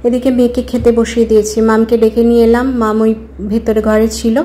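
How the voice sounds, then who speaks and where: A woman's voice: fairly high pitch, level tone, quick pace, mellow. A woman vlogger talking casually to the camera at home, chatty and rambling as she thinks aloud. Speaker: lifestyle vlogger.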